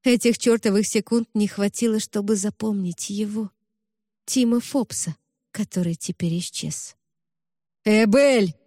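A woman reading a novel aloud with an expressive, emotional delivery. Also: medium pitch, moderate pace, no room sound, studio quality. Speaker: narrator. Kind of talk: audiobook narration.

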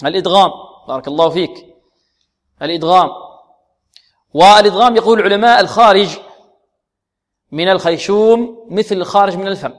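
Man teaching recitation in an echoey hall. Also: high voice. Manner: drills pronunciation slowly, repeating syllables and asking students questions. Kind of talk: tajweed lesson. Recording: long reverb, echoey hall.

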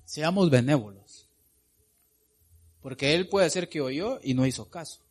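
A man preaching an evangelical sermon with passion, swinging from quiet asides to loud shouted lines and calling his listeners "brother". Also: a little high, moderate pace. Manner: addresses listeners as "hermano bendito".

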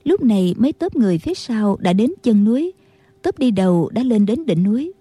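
Woman narrator, husky and mellow, fairly high, dry close mic, steady audiobook storytelling. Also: a little fast, no echo. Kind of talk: scripted narration.

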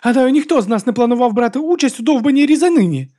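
A woman's voice: fairly high pitch, lively intonation, racing, mellow, voice pushed up. A man voicing a defiant young princess who shrieks and swears in fury. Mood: furious shouting. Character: furious young princess, defiant and foul-mouthed.

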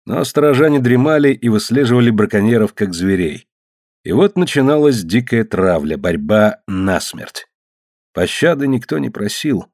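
A man reading an adventure book aloud in a measured, dramatic narrating voice, slowing down for emphasis. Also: mid-range voice, a little mellow, no echo, clean studio sound. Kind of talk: audiobook narration.

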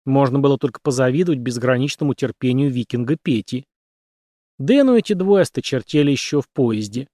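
A man reading an audiobook aloud in an expressive, dramatic manner. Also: medium pitch, fairly quick, no room sound, clean studio sound. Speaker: audiobook narrator.

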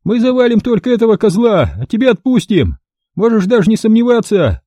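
A shrill, piping male thug, sly and spiteful, voiced with lively swoops far above a normal man's pitch. The tone is dark and husky despite the height. A man puts him on while narrating a storybook. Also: fairly quick, no room sound, studio quality. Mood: wheedling. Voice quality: squeaky, piping.

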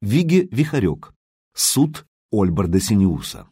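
Guy narrating an audiobook, low voice, steady even reading, dry close sound. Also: a little slow, slightly rough, dry recording.

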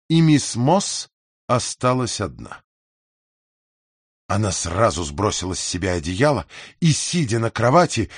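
Man narrating a story, lively reading. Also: medium pitch, dry recording, studio quality. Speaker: audiobook narrator. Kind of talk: scripted narration.

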